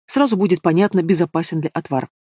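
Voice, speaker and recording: A man narrating a fantasy audiobook with a steady, expressive reading. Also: on the high side, quick pace, husky, no echo, studio quality. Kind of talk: scripted narration.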